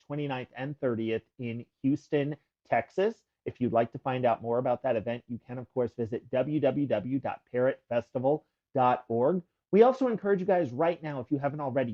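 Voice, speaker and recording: A man co-hosting a livestream, giving casual, upbeat announcements in a chatty, promotional way. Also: medium pitch. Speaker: livestream co-host. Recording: dull lo-fi livestream audio.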